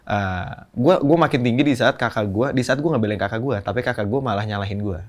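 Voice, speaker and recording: A man's voice: medium pitch, a little fast. A young man, a podcast guest, telling a candid, emotional personal story in slangy casual speech.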